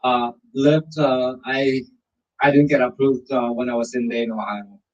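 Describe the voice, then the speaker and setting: A man answering hesitantly and haltingly in a casual group chat. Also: mid-range voice, little pitch movement, dull audio.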